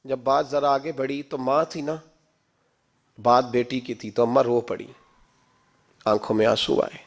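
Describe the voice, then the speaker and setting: A man preaching a sermon, passionate, asking the listeners rhetorical questions and rising sharply in force. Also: level tone. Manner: impassioned, rhetorical questions, sudden rises in pitch and force.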